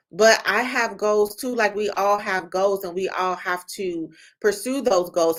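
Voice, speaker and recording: A woman's voice: medium pitch, a bit bright. A middle-aged woman who leads a publishing company, giving an emphatic motivational talk that repeats phrases and checks in with "right?".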